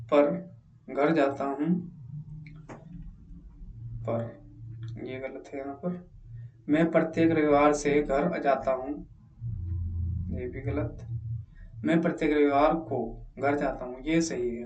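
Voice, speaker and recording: A man's voice: fairly high pitch, a little mellow, far from the mic, lo-fi sound. A man teaching as he solves an exam paper, reading each question aloud and then asking and answering it himself. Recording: echoey room, mic set back.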